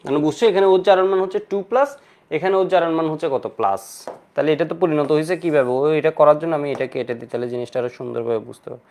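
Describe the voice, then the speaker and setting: A man's voice: a little high, rapid-fire, darkish tone. A male chemistry teacher gives a lecture, asking questions and answering them himself and mixing in English terms. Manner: mixes English terms into his speech. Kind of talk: online lecture to students.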